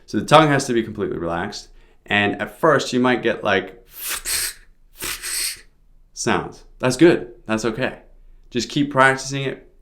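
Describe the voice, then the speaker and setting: A man's voice: medium pitch, expressive, unhurried, long pauses, fairly bright tone. A man giving an informal pronunciation lesson, explaining sounds step by step as a teacher.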